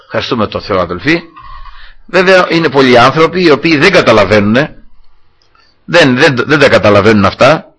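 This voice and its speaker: A man's voice: medium pitch, animated, pauses often, a bit bright, breathy edge. A man preaching a sermon to his congregation, telling a personal story and acting out the dialogue in it.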